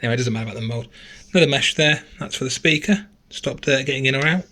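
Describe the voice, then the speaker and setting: A man's voice: mid-range voice, rapid-fire, sharp tone. A man giving a casual, chatty phone teardown tutorial, thinking aloud and correcting himself as he goes, recorded on a camera mic at a desk indoors. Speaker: gadget reviewer.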